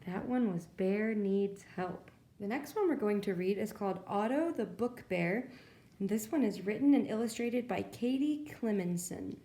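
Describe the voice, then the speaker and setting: A woman works as a children's librarian reading picture books to preschool kids, voicing them expressively with brief asides to her listeners. She speaks at medium pitch, animated and at a moderate pace, with a dark tone, in a reverberant space with a faint hiss or hum.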